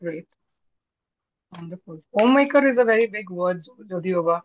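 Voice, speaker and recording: A woman trainer leading an online class, brisk and apologetic, switching between languages. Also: fairly low pitch, lively intonation, a little hiss or hum. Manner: brisk, apologetic, mixes Bengali and English. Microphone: video call. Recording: dull lo-fi call audio.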